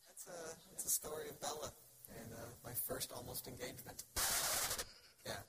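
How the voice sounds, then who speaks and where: A man's voice: medium pitch, normal speed. Crude, rambling man telling a story. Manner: rambling, crude, self-mocking. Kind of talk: casual personal storytelling. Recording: loud background noise.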